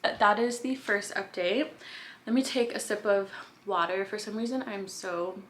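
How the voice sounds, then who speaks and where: A woman's voice: mid-range voice, measured pace. A young woman and podcast host talking to camera in a casual, candid chat, slightly out of breath and full of "like"s. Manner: chatty, candid, filler-heavy with frequent "like".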